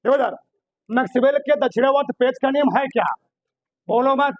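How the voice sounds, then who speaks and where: High-voiced male teacher quizzing class. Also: normal speed, no room sound, dull audio. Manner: repetitive, quizzing students with questions. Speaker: physics teacher. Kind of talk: classroom lecture.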